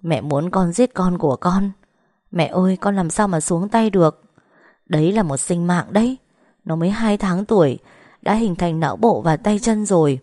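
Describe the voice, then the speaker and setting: A woman's voice: on the low side, normal speed, dark tone, dry recording, studio quality, close to an everyday voice. A woman voicing a desperate young pregnant woman who refuses through tears, pleading insistently.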